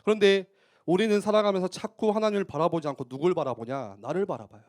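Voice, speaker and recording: A man preaching a youth sermon in church, conversational, tossing out rhetorical questions and punctuating with quick affirmations. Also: high voice, darkish tone. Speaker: youth pastor.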